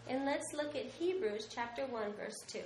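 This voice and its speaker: A woman interpreting a sermon at a slow pace, her voice a little high. She hesitates often with fillers, and the recording is echoey with faint noise. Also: darkish tone.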